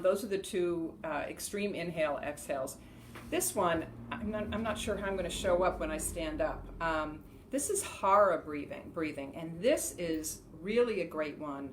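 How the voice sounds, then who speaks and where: Middle-aged woman, casual meditation teacher, lower-pitched, laughs easily, on a camera mic. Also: a little hiss or hum. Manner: chatty, laughs often, loud rhythmic "ha" shouts during exercises. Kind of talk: casual instructional talk to camera.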